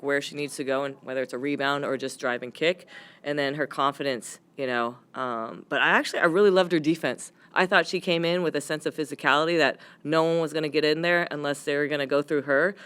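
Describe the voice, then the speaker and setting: Hoarse woman coach, candid and rambling. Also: low voice, fairly bright tone. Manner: candid, rambling with frequent fillers. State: hoarse, voice worn from yelling. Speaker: head coach. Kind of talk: post-game press conference answers.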